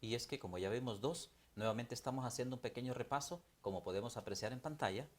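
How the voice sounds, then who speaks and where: A man's voice: mid-range voice, fast. A Honduran man with a mid-range voice co-hosts an educational TV lesson. He talks formally and directly to the viewers, recorded close on a studio mic. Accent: Honduran Spanish. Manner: formal, addresses the audience. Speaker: teacher co-host.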